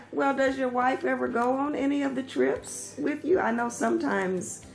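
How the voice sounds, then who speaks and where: A woman interviewing a guest, asking meandering, halting questions. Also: high-pitched, fairly even intonation, gravelly, faint music behind. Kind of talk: conversational interview.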